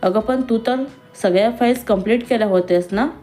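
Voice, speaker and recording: A woman's voice: a little high, fairly quick, mellow, close to an everyday voice. A woman voicing a friendly young female coworker who asks caring, curious questions, with faint music behind. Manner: caring, inquisitive.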